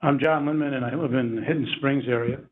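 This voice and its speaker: A man's voice: medium pitch, steady tone, fast. A man speaking informally and anecdotally as a board member at a meeting. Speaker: board member and running coach. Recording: tinny phone-like meeting audio, faint noise.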